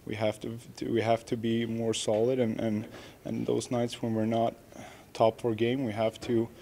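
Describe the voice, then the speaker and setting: A man in his thirties, a hockey player, answering reporters after a game in an arena press room, halting and self-critical with many restarts. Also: mid-range voice, completely flat delivery, vocal fry, dark tone, slight background noise. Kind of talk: post-game media interview. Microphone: media microphones close up.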